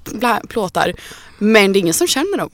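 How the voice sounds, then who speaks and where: A woman co-hosting a podcast in easy conversation. She is laid-back and wry, mostly giving short replies. Her middle-pitched voice is recorded dry and close. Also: big pitch swings, fairly bright tone, no echo. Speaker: podcast co-host. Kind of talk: casual chat.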